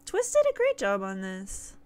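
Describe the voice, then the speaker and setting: Streaming a game from a small indoor room, this woman in her thirties from Nova Scotia, Canada, talks casually and cheerfully with viewers and laughs a lot. She has a Nova Scotian accent and a mid-range, darkish voice with huge pitch swings, delivered a little slowly.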